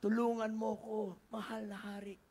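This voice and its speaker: A man's voice: sits high, little pitch movement, normal speed, vocal fry, a little mellow, pitched above the performer's own voice. A preacher acting out a nervous young queen pleading with her king. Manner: anxious, pleading.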